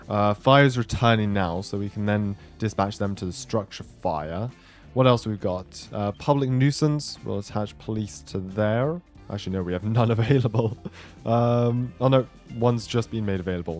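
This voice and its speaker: Music sits behind a man's fairly low, slightly mellow voice as he offers relaxed gameplay commentary. He's the video's host and narrates his thinking, deliberating over each decision aloud.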